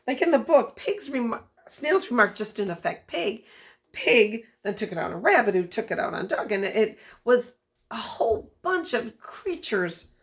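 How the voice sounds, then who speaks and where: Gentle gravelly guidance counselor. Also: female voice, medium pitch. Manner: gentle, explanatory, addressing students. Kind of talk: storybook read-aloud and lesson for children.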